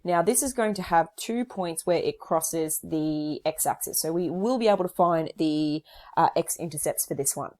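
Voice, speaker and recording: A woman with a low voice teaches a maths lesson, talking through each step of her working. Her tone is casual and a little hoarse. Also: normal speed, darkish tone. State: slightly hoarse. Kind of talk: recorded whiteboard lesson.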